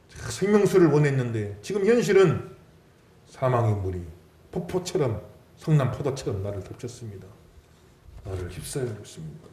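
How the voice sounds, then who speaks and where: A man preaching a sermon as pastor, dramatic, acting out mocking taunts and swinging between loud and soft. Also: on the high side. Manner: dramatic preaching with mocking quoted taunts, swelling and dropping loudness. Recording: echoey church hall.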